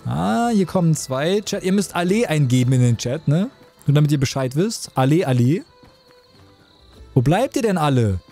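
A man's voice: a little high, sing-song, moderate pace, mellow, soft background music. A young man streaming a tavern game, chatting casually with his chat, joking and reading out messages.

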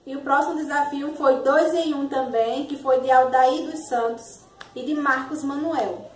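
A woman's voice: high-pitched, fairly even intonation, unhurried. A young woman with a Brazilian accent chatting casually as host of a challenge video and reading out dares. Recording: roomy, distant mic, faint noise.

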